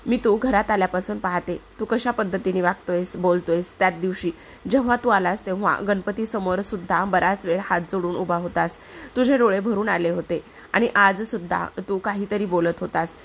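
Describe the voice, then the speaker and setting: A woman reading out the lines of a caring, patient young sister-in-law who coaxes and pleads gently, in a TV serial recap. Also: medium pitch, moderate pace, slight background noise, lightly acted. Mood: coaxing. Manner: coaxing, pleading.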